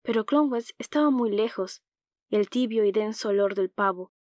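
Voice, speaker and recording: A woman narrating an audiobook in a calm, even reading voice, close to the mic. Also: medium pitch, normal speed, dry recording.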